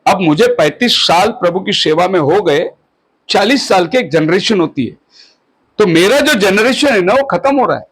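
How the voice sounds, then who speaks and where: A high-pitched man in his fifties gives a sermon at a house prayer meeting. He exhorts his listeners steadily and stretches out the English phrases he slips in. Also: lively intonation, a bit bright, husky, poor audio. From India. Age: 50s. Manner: exhorting, mixes English phrases and slows on them. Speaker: pastor.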